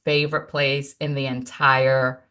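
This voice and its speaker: Her voice rumbles low and she talks a little slowly as she recounts a family story in a relaxed podcast conversation. She's a Moroccan co-host whose first language is Moroccan Arabic, and she tells it with animation, emphasis, and frequent laughs.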